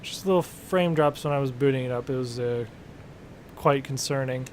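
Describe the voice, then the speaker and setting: A man's voice: mid-range voice, moderate pace, slight background noise. A man giving casual, rambling commentary while playing a video game, full of fillers and self-corrections. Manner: reads game dialogue aloud. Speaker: gaming channel host. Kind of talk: casual let's-play commentary.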